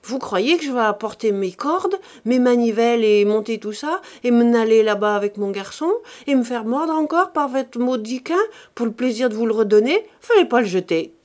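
A gruff, blunt peasant well-digger, put on by a woman reading aloud, barking his price in a loud, curt voice. He talks slowly and heavily, every word dragged out flat and firm. It is a plain storybook reading. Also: fairly high pitch.

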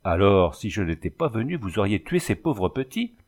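A man's voice: lowish voice, big pitch swings, normal speed, a little mellow. A man voicing an anxious, bookish young husband in a storybook reading, pressing with urgent questions. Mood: agitated.

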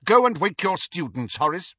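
A man's voice: sits high, very animated, normal speed, bright, forceful tone, slightly rough, no echo, highs cut off, voice pushed up, heavily acted. A man voicing a stern elderly woman teacher in an audiobook, clipped and authoritative.

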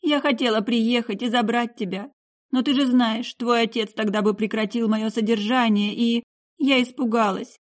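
Audiobook figure: remorseful middle-aged mother, emotional outbursts, higher voice, read by a woman. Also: fairly even intonation, normal speed, lightly acted. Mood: tearful.

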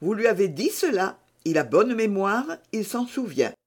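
A woman's voice: medium pitch, sing-song, normal speed, pitched above the performer's own voice. Woman playing a young peasant woman, coaxing and teasing, lilting delivery. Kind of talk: audiobook character reading.

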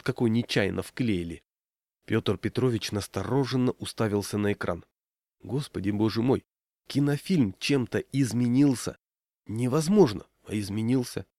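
A man narrating a story in a measured, ironic way. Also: medium pitch, warm tone, dry recording, clean studio sound. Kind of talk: audiobook storytelling.

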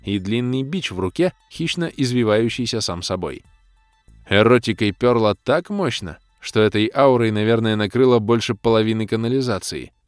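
A man's voice: fairly low pitch, clear, resonant tone, no echo, clean studio sound. A man reading a fantasy audiobook in the first person, with wry, ironic storytelling. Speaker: audiobook narrator. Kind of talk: expressive fantasy audiobook narration.

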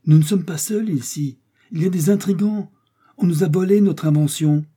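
Man doing an excitable young servant. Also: fairly high pitch, fairly quick, husky, voice pushed up. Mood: astonished. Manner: exclamatory, wonder-struck. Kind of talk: audiobook character voice.

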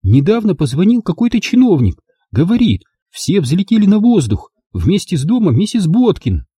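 Man putting on a shrill flustered young woman. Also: very animated, moderate pace, dark tone, breathy edge, no room sound, studio quality, full character voice. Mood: insistent. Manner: shrill, insistent, exclaiming. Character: excitable indignant young woman, flustered sister.

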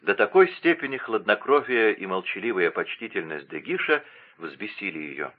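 A man narrating a classic novel as an audiobook with an expressive, dramatic reading. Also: lowish voice, normal speed, narrow, tinny audio.

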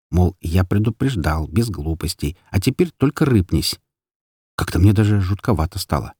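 A man narrating an audiobook story in an expressive, dramatic way. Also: low-pitched, slightly rough, no room sound, studio quality.

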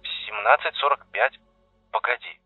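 A man's voice: mid-range voice, moderate pace, slightly rough, no echo, soft background music. A man voicing a flustered, unsure male polar radio operator, heard through a radio transceiver. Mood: eager. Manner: unsure, apologetic, eager to please. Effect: radio transceiver filter. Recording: tinny radio-line sound.

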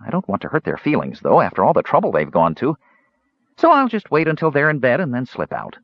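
A man's voice: mid-range voice, wildly swooping pitch, fast talker, no echo, lo-fi sound, voice pushed up. A man voicing a cheerful, chatty young male kender who talks eagerly and a little self-importantly.

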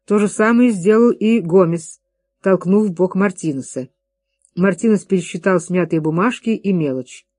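A narrator reading a story aloud in a steady, even delivery. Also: medium pitch, normal speed, no room sound, clean studio sound.

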